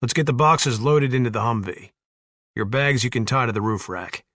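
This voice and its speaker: A man's voice: medium pitch, animated, normal speed, a bit bright, no room sound, close to an everyday voice. A man voicing a tough ex-soldier in an audiobook, blunt and teasing in a dry way. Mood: wry teasing. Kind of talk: audiobook character voice.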